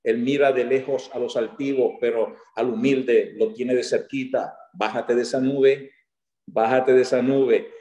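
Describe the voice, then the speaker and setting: A man from Maracaibo in Venezuela with a Maracaibo accent, preaching a sermon as a guest pastor, talking fast and getting excited. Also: medium pitch, roomy sound. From Venezuela (Zulia).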